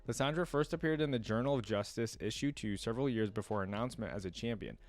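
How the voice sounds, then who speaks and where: A man with a lowish voice talks fast while hosting a reaction video, with no room sound. He chats casually with viewers, thinking aloud, often musing to them and reading wiki text as he goes.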